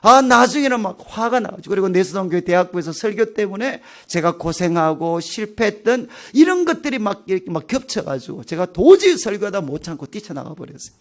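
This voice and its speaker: A man's voice: high voice, sing-song, a little fast, hardly any pauses. A middle-aged man, a pastor, telling a personal story in a revival sermon, acting out his own outbursts.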